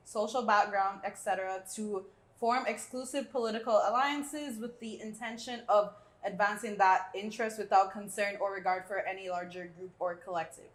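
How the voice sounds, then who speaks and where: Young woman host, mid-pitched, poised and prepared, recorded with roomy echo. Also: normal speed. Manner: poised, reads prepared questions. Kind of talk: hosting a panel discussion.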